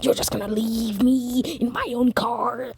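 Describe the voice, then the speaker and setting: A woman voicing a desperate young man who cries and pleads in a shrill, wailing voice. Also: steady tone, a little slow, darkish tone, breathy edge, full character voice. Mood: whiny. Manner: crying, pleading, high and shrill.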